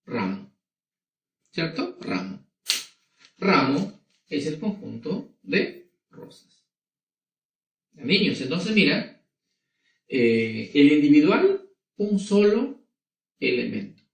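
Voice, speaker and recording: A male teacher giving a slow, patient lesson to children, often checking that they follow. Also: a little high, very animated, vocal fry, echoey room, distant mic. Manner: slow and patient, asking many rhetorical questions. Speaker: schoolteacher. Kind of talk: recorded classroom lesson for children.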